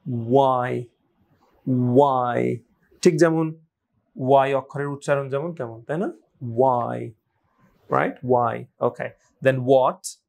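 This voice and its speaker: A male teacher leads a spoken lesson at an unhurried pace. He drills each word by saying it over and over and prompts viewers to repeat after him. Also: mid-range voice. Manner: slow, repeats words for drill, asks viewers to say them aloud. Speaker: English pronunciation teacher.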